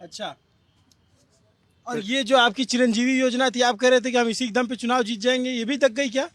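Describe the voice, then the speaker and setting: Male interviewer, very high pitch, dry recording, casual, short probing follow-up questions. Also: fairly even intonation, moderate pace, fairly bright tone, no echo. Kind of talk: casual comic mock interview.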